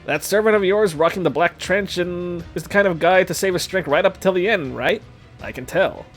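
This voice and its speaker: A man's voice: sits high, normal speed, faint music behind, natural voice. A man voicing a sly, smug young man who drawls and threatens casually while reading game dialogue. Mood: mocking. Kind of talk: reading a game's dialogue aloud.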